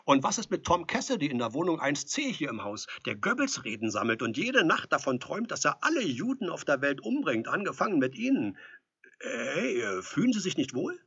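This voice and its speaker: Mann spielt einen lauten kumpelhaften dämon aus der hölle, hoch und schnoddrig, dumpfe aufnahme. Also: male voice, on the high side, huge pitch swings, brisk, husky, no room sound, full character voice. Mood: jovial. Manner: brash, loud, chummy. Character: jovial breezy male demon from hell. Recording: dull lo-fi recording.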